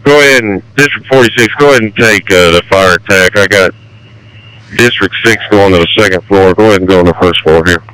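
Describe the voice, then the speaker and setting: A man's voice: fairly low pitch, fairly quick, a bit bright, clean tone, low-quality recording. A man giving urgent, terse orders over fire department two-way radio as the incident commander.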